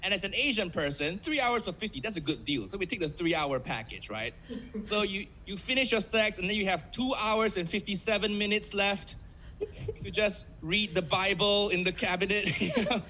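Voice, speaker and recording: A young Malaysian man with a Malaysian English accent performs stand-up over a video call. His pitch swings widely as he tells stories deadpan and breaks into laughter at his own punchlines. A steady hiss of noise sits under the call audio. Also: moderate pace, poor audio. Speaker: stand-up comedian.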